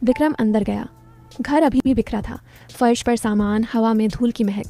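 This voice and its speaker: Female story narrator, steady and descriptive; slightly high, mellow voice over faint music. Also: moderate pace.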